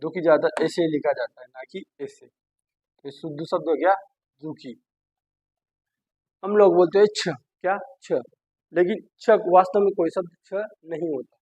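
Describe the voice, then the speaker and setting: A man's voice: fairly high pitch, unhurried, long pauses, dark tone, slightly rough, no room sound. A male teacher giving a grammar lesson, who keeps asking "what?" and then answers himself by repeating the word. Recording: dull dry lo-fi sound.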